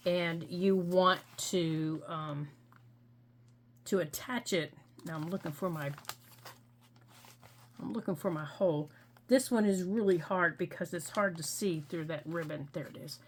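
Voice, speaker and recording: A middle-aged woman hosting a crafting tutorial, explaining each step gently and patiently with frequent ums. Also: fairly low pitch, a little slow, pauses often, slight background noise. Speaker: crafting channel host.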